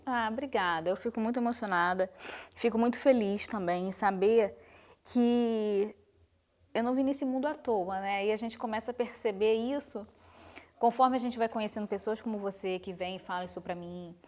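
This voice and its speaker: A woman's voice: medium pitch, moderate pace, a little mellow. A woman from Brazil, a guest in an interview, telling her story in an earnest, reflective way. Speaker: guest, carnival designer. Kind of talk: interview conversation.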